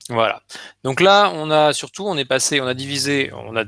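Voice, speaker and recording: Male tech speaker from France, hesitant live coder, gravelly tone, dry mic. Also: medium pitch, animated, moderate pace, bright, forceful tone, dry recording. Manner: hesitant, many restarts and fillers. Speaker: conference speaker. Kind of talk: live coding talk.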